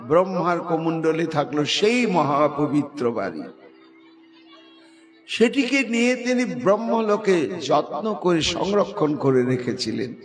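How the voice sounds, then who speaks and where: A man recounting devotional scripture stories to a live gathering, slow and dramatic, acting out the figures he quotes. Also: on the high side. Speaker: religious storyteller. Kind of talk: devotional scripture recitation to a crowd.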